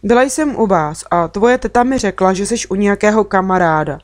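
A woman reading a storybook, voicing a cheerful, kind young girl who stays calm and friendly. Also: mid-range voice, no echo, clean studio sound, lightly acted.

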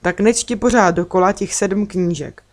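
A woman's voice: mid-range voice, lightly acted. Woman doing a teasing storybook dad, wry, mildly scolding.

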